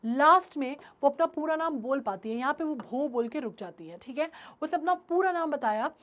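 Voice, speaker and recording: Female English tutor; high, friendly explainer who checks in often. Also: expressive, normal speed, fairly bright tone. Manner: retells in a mix of Hindi and English, checks in with "right?". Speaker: English teacher. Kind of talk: explaining a story in a recorded class.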